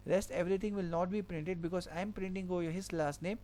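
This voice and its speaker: A man's high voice moves at a quick pace, fairly even in intonation and a little mellow, as he teaches a screen-recorded coding lesson. He steps through the code methodically and repeats points with a filler "okay".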